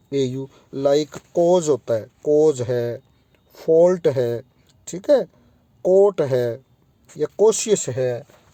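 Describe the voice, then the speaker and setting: Slow, dark-voiced male phonetics teacher. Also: on the high side, no room sound. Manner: slow and deliberate, repeats words aloud for students; addresses students directly, often checks in with "ठीक है". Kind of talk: phonetics lesson.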